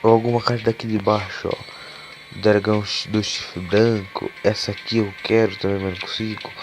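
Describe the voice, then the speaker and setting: In a low-quality recording with game music behind him, a man with a cold talks at a moderate pace in a fairly low, hoarse voice. He's a gaming YouTuber opening card packs, swearing casually and getting excitable at each reveal.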